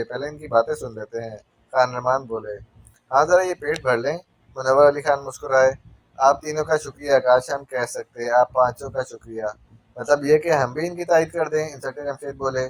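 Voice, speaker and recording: A man's voice: medium pitch, no echo. A man narrating a spy novel audiobook, reading the characters' banter with light voice changes.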